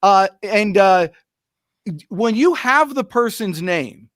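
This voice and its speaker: A man's voice: sits high, animated, slow, a bit bright, no room sound, clean studio sound. A man hosting a podcast interview, chatty and encouraging as he asks questions. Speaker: podcast host. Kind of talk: casual interview talk.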